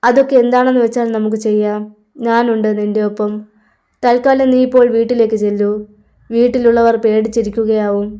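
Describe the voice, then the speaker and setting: A woman's voice: a little high, level tone, fairly quick, dark tone, lightly acted. A woman reading the part of a man's loyal friend, in a firm, soothing storyteller's delivery on a slightly dull recording. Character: man, loyal and steadying friend.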